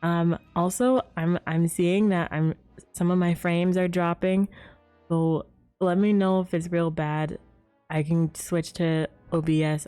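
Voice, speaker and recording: A woman with a low, mellow voice hosts a casual gaming livestream. She chats with viewers in a bubbly way, greeting them cheerfully and giggling often.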